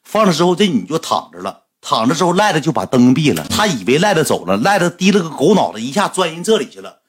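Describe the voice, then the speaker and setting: A man with a Northeastern Chinese accent spins a comic yarn at a rapid clip. His voice is a little husky and swings widely in pitch as he retells the story with lively, colloquial flair.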